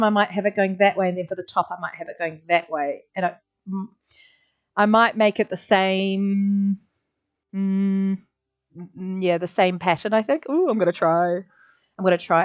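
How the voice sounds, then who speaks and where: A woman's voice: mid-range voice, moderate pace, smooth. A woman teaching a live online drawing lesson, chatty and encouraging, making little sound effects as she draws. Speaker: art teacher. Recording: slightly dull lo-fi audio.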